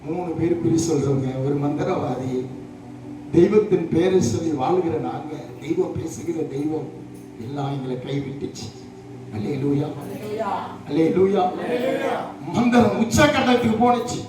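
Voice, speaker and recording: A middle-aged man preaching a rousing call-and-response sermon, swinging between shouts and hushed testimony. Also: fairly high pitch, unhurried. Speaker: pastor. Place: large church hall. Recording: echoey hall, distant mic, noisy.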